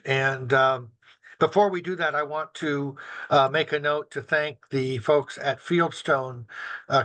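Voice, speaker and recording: A man's voice: mid-range voice, bright, forceful tone. A man hosting a community talk show, reading sponsor notes and announcements with frequent fillers. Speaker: host, senior center director.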